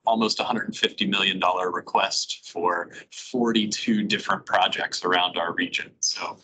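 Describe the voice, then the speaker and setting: A man giving updates at a public advisory board meeting, talking in a relaxed way with many filler sounds. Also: low voice, moderate pace, a little hiss or hum, rough recording. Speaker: regional planning staff presenter. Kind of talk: meeting presentation.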